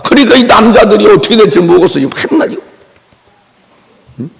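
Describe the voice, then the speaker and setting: A man's voice: high-pitched, animated, fast, vocal fry. A man preaching a revival sermon in a church sanctuary, calling for amens and acting out the people he describes. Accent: Korean. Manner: call-and-response preaching with mimicry. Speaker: pastor. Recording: long reverb of a church hall.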